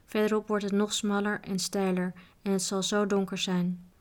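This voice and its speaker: A woman voicing a gruff mountain guide. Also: mid-range voice, level tone, moderate pace, a little mellow, lightly acted. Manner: grumbling, matter-of-fact. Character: weathered male mountain guide, gruff, practical.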